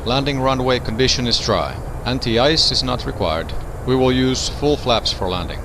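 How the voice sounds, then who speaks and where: A man's voice: medium pitch, lively intonation, moderate pace, close to an everyday voice. Man as methodical pilot briefing in noisy cockpit. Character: methodical, businesslike male airline pilot. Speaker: pilot giving approach briefing. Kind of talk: scripted cockpit checklist briefing. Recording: clear aircraft noise behind.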